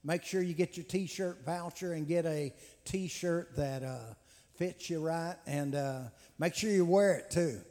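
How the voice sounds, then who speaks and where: A warm, fairly high male voice at a measured pace leads a church men's conference as its host. Announcements and testimony come in a folksy style with plenty of "uh" and repeated words. It all echoes through a large, reverberant hall.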